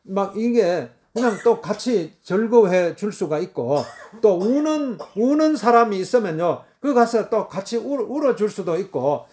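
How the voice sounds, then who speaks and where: A man's voice: high-pitched, expressive, a little slow, few pauses, dark tone. A man preaching a sermon in an emphatic, repetitive way, full of fillers and restarts.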